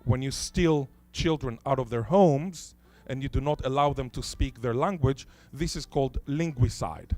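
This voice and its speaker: Speaking in a lecture hall, this conference speaker, a native Hebrew speaker, deliberately emphasizes key words and asks rhetorical questions. His voice has a medium pitch and a somewhat dark tone.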